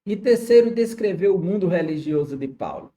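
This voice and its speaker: A man with a Brazilian Portuguese accent teaches a Sunday school Bible lesson, explaining as he goes and checking in frequently with "né?" and "tá certo?". His high voice is warm and expressive, at a moderate pace.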